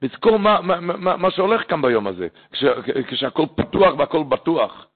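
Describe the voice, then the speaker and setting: A man, a rabbi, giving a holiday sermon full of stories, impassioned and climbing sharply in pitch for emphasis, often repeating phrases as he teaches. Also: very animated. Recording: tinny phone-like lo-fi recording.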